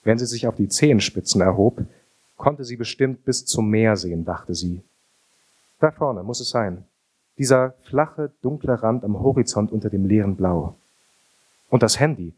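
A male audiobook narrator with a low, somewhat husky voice. He reads calmly and with expression, giving the scripted narration a steady flow. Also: normal speed.

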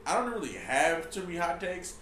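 A man co-hosting a podcast in casual sports chat, animated and teasing. His voice swings widely in pitch and sounds bright and forward. The room gives it an echoey ring with a faint hiss behind. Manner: animated, teasing, quick to laugh. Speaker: podcast co-host.

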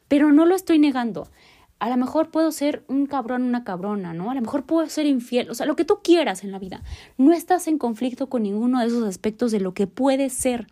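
A woman hosts a motivational podcast, speaking earnestly and reflectively right to the listener. Her voice is high-pitched yet dark in tone.

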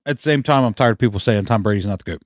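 A man's voice: lowish voice, rapid-fire, no room sound, clean studio sound. Fired-up profane man. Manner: heated, profane, emphatic ranting. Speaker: podcast host. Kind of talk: casual beer-tasting chat.

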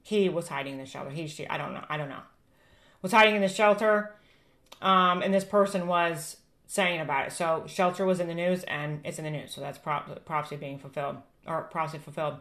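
A woman's voice: sits low, brisk, a bit bright. An American woman presenting prophecies informally, reading aloud and adding emphatic, admonishing asides.

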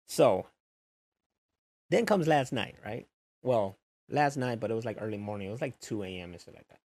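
A man telling a loose, profane story in a casual, animated monologue. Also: fairly low pitch, normal speed, no echo.

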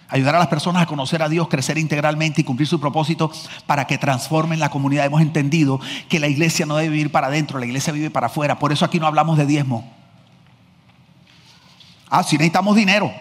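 A man preaching a sermon as pastor, telling stories in a lively, joking manner. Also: on the high side. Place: large church hall. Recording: echoey church hall.

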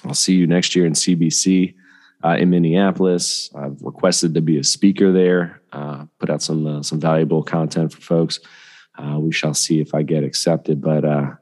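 A man's voice: rumbling low, steady tone, moderate pace, a little mellow, in a large hall. A man hosting a podcast, telling a personal story in a casual, conversational way and often quoting his own words. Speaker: podcast host.

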